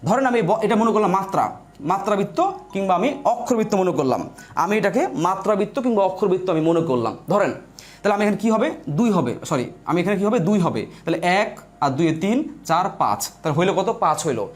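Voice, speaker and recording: A man's voice: high-pitched, animated, fast talker. A man teaching a live online grammar lesson, explaining step by step and repeating his points to viewers.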